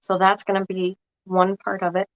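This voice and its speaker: This woman's medium-pitched voice is completely flat in delivery at a normal speed, with no room sound. A craft vlogger with a froggy cold, she talks casually and thinks out loud as she guides viewers through her project, all in a dull lo-fi dry recording.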